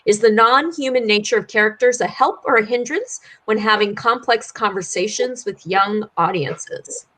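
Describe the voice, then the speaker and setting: A woman's voice: mid-range voice, moderate pace, fairly bright tone. A woman moderating a video-call panel, friendly and rambling, with many fillers.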